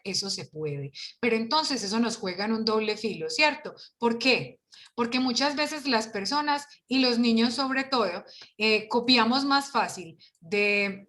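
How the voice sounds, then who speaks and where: Heard through a video call, this fairly high-pitched woman runs a lively online session for parents, peppering her talk with rhetorical questions.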